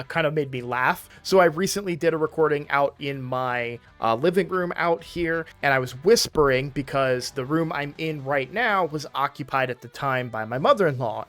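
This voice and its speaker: Male gaming host at home, mid-pitch, loose and chatty, self-correcting, soft music underneath. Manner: chatty, often corrects himself mid-sentence. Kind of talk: casual commentary video. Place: room in his home.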